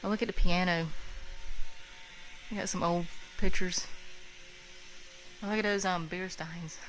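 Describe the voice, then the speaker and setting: A woman vlogging a walk through a historic house museum, gushing and excited, filling her talk with "like" and "oh my God," hot and sweaty from the day. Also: lowish voice, unhurried, pauses often, a little hiss or hum, rough recording. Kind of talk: walking tour vlog.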